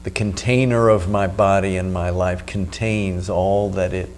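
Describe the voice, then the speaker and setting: A man with a fairly low voice guides a meditation practice. He speaks as a teacher, giving instructions unhurriedly and leaving pauses. A faint hum sits behind his voice. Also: fairly even intonation. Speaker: meditation teacher and video host. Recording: noticeable background hum.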